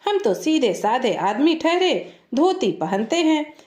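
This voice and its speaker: A plain-spoken older village father-in-law, as a woman storyteller voices him, humble and simple in his words. The voice is high and lively in pitch, in an echoey room. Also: takes it slowly, exaggerated voice. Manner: plain, humble, then stern.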